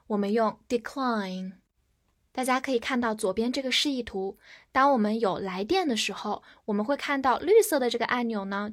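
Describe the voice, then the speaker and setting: Woman teaching vocabulary slowly. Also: fairly high pitch. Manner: slow, careful spelling of words letter by letter; has learners repeat after her. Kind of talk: recorded vocabulary lesson.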